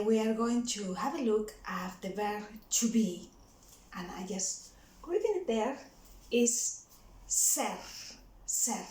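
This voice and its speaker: Patient woman tutor, slow. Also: on the high side, a little mellow, slight background noise. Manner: patient, explains step by step. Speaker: Spanish tutor. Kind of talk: recorded language lesson. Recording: roomy echo.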